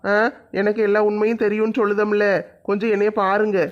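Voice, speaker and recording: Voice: mid-range voice, monotone, fast talker, natural voice. Someone playing a stern village headman, dull lo-fi sound. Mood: firm. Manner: commanding, scolding then reassuring. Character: stern but kind village headman, older man.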